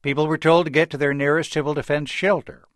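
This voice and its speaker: Measured male news narrator. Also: a little high, flat delivery, a bit bright, no echo, studio quality. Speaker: news correspondent.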